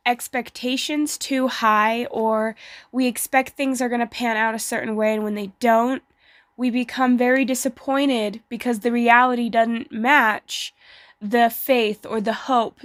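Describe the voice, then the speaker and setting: Sick woman reading tarot, higher-pitched voice. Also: a bit bright, dry recording, studio quality. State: sick, as with flu, voice may give out. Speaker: tarot card reader. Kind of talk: casual tarot reading to online viewers.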